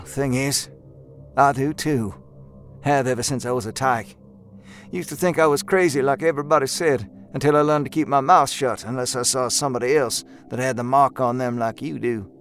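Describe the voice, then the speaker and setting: A man voicing a young, rough-spoken country man with a folksy slang drawl, eager and haunted, in an audiobook. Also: on the high side, fairly bright tone, pitched above the performer's own voice. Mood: urgent. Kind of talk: audiobook character voice.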